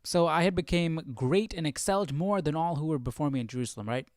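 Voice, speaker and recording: This livestream Bible study host talks fast in a voice on the high side with a darkish tone. He reads and remarks casually, frequently checking in with whoever's listening, in a dry, studio-quality recording.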